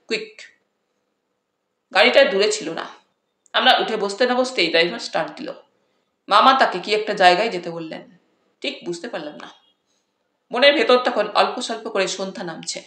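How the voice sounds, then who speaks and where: A woman narrating a comic audiobook story in the first person, with a lively storytelling manner. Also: medium pitch, fairly quick, pauses often. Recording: roomy echo.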